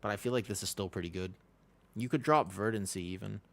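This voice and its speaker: A man from Texas livestreaming a game, chatting casually and excitably in slangy speech and often repeating himself. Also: lowish voice, quick pace, gravelly. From Texas, United States. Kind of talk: casual chat and gameplay commentary.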